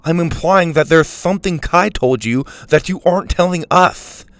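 A man's voice: a little high, expressive, moderate pace, vocal fry, no room sound, clean studio sound, pitched above the performer's own voice. A man voicing a brash teenage boy in a storybook reading, teasing and mocking. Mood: needling. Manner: needling, mocking.

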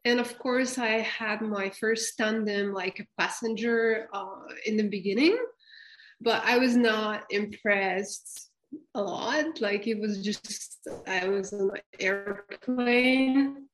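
Slow-talking woman, hesitant. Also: mid-range voice, slight background noise, poor audio. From Bulgaria. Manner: hesitant, many fillers and restarts, laughs often. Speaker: guest. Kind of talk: casual interview chat.

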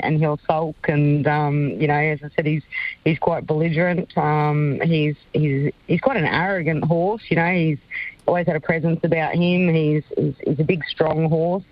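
A woman's voice: low voice, no room sound, muffled recording. An Australian woman, a racehorse trainer, chatting in a radio interview over the phone, hesitant and full of ums and restarts.

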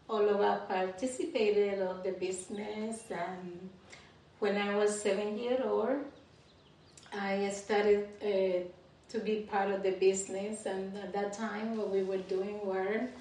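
Her voice mid-range and somewhat dark, a Dominican woman with a Dominican Spanish accent recounts her life at home as an interview guest offering testimony. The indoor room echoes heavily, the microphone sits far off, and a little noise lingers.

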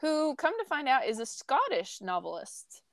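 A woman co-hosting a casual book chat podcast, chatty and excitable, often trailing off mid-sentence. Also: sits high, moderate pace, gravelly, no echo. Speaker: podcast co-host.

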